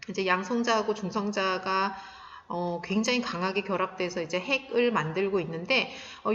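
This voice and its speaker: A woman's voice: a little high, a bit bright. A woman science teacher giving a recorded lesson, explaining step by step with many filler sounds. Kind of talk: recorded classroom lecture. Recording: dull, echoey sound with long reverb.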